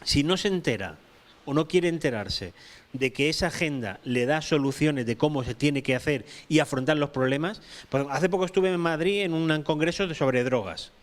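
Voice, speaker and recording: A man's voice: fairly high pitch, moderate pace. Emphatic man at a panel. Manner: emphatic, repeats points, many restarts. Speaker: panel speaker. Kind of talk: round-table talk.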